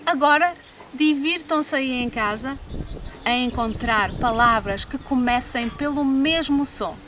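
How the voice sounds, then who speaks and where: A woman with a European Portuguese accent, leading a phonics lesson for young children, slowly sounding out first sounds and repeating word pairs. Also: high voice, distant mic. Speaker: library storyteller leading a children's sound game. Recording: faint noise, voice a little off-mic.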